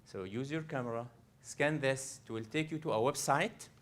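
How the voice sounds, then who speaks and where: This is a man from Egypt with a mid-range voice and moderate pace, presenting a workshop live to people in a library event room. Earnest in tone, he keeps restarting and echoing phrases while speaking straight to the room.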